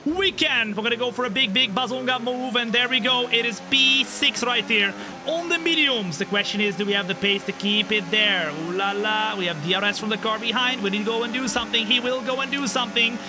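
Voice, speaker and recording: A man's voice: very high voice, a little fast, music in the background. A twenty-five-year-old man streaming a racing game live, chatting with viewers and calling the race in a joking, self-teasing way. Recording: game engine noise behind voice. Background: racing car engine sounds.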